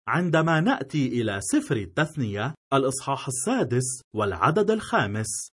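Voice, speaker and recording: A man giving a formal, scripted narration of a theology lesson in a measured, steady way. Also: medium pitch, slightly rough. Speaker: lecturer narrating a theology course.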